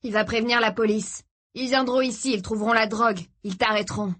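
A woman's voice: a little high, steady tone, fairly quick, a bit bright, pitched above the performer's own voice. A woman reading the part of a frightened, injured young man who is tense and desperate. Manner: tense, pleading then threatening.

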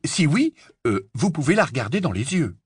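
A man's voice: on the high side, very animated, moderate pace, slightly rough, no echo, studio quality, heavily acted. Man doing a mock-serious young joker radio presenter. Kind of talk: audiobook character voice.

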